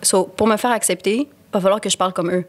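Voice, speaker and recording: A woman's voice: medium pitch, fast. A woman with a Quebec French accent, co-hosting a casual podcast chat, telling stories with voiced quotes, laughs and English words. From Canada. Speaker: podcast co-host.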